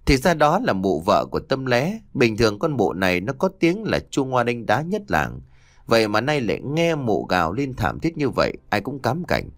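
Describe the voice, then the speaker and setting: A male storyteller tells a ghost story with a lively, swooping delivery. His voice sits at an ordinary pitch but rises and falls dramatically. The recording is close and dry. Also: moderate pace, no echo.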